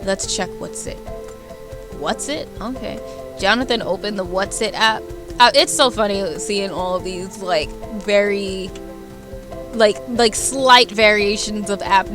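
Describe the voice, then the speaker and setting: This livestreaming gamer reads a visual novel aloud and chats playfully, with background music behind her voice. She speaks in a mid-range voice with lively intonation, a little slowly.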